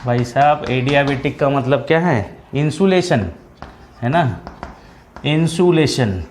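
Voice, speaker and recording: Slow-paced man lecturing on engineering. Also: medium pitch, lively intonation, a little hiss or hum. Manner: slow dictation of problem text, quick asides with repeated "है ना". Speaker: engineering tutor. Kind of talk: whiteboard lecture.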